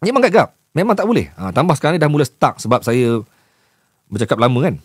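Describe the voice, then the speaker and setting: A man's voice: a little high, sing-song, fast talker, slightly rough, no room sound. Malaysian guy with a stutter, news journalist chatting to camera, candid, dry close sound. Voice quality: stutters, repeats words often. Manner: chatty, candid, mixes in English words. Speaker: news journalist and voice-over producer. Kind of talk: casual talk to camera.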